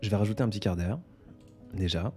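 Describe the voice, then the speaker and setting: Brief: male streamer-poet, low warm tone, musing and hesitant, faint music underneath. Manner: reflective, unhurried, with frequent hesitations. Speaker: poet and author on a live stream. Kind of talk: casual live-stream chat. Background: faint background music.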